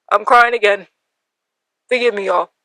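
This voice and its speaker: A woman in her thirties hosting a podcast, telling a personal story in an emotional, halting way with many fillers and small laughs. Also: medium pitch, sharp tone, no room sound, poor audio. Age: 30s. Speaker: podcast host.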